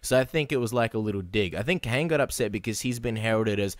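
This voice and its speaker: A man's voice: on the low side, quick pace, no echo, studio quality. A Polish-born man, co-hosting a casual podcast chat in a rambling, joking way. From Poland. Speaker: podcast co-host.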